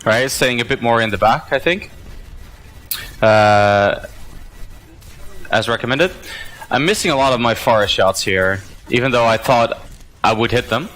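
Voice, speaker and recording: A man's voice: medium pitch, moderate pace, fairly bright tone, rough recording. A man giving reflective, self-critical commentary on his own match, with hesitant fillers between thoughts. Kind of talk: gameplay commentary.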